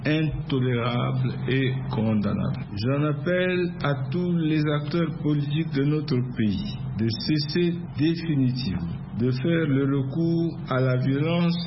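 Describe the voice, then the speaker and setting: A man's voice: mid-range voice, expressive, measured pace, hardly any pauses. A man making a solemn political statement, condemning violence. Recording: muffled audio with clear noise.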